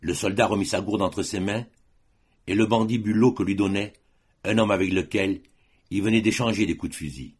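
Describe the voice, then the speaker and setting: Deep, husky man reading a classic story. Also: normal speed. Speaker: audiobook reader.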